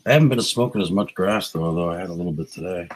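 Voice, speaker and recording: A man's voice: low voice, very fast, poor audio. A man hosting a casual live stream, rambling in a laid-back way and greeting viewers by name, on a small novelty mic. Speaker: livestream host. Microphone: small novelty microphone.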